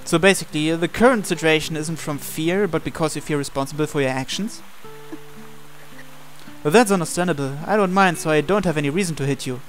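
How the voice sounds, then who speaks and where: A man with a higher voice reads a visual novel aloud, voicing the male protagonist and performing both dialogue and narration in character. He goes fairly quickly, with music playing beneath him.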